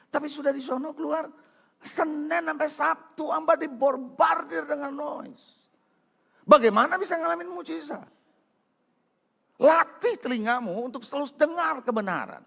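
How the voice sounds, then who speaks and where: Lively high-voiced man preaching in a hall. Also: gravelly. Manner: calls out to the congregation, swings from loud to hushed. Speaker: pastor. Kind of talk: sermon. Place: church hall. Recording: long reverb of a large hall.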